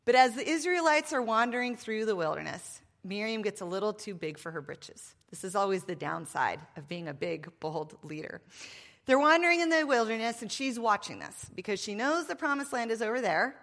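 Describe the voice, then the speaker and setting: A woman in her fifties, speaking at a women's event, gives an emphatic, playful faith talk full of asides to a live audience over a microphone. Her medium-pitched voice is expressive and a bit bright at a normal pace, echoing with a large hall's long reverb.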